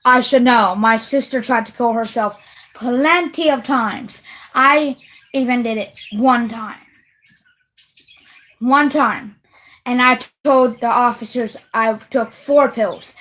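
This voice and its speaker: Ranting young-sounding woman, fairly high voice. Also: slow, fairly bright tone, rough recording. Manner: heated, repetitive, swearing. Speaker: vlogger. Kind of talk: casual direct-to-camera rant.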